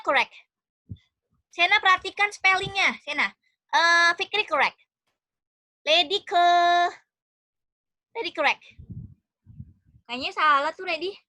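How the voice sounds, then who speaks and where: A woman's voice: extremely high pitch, pushed and bright, no room sound. A woman with an Indonesian accent teaching an online class over a video call, affectionately encouraging students and calling on them one by one.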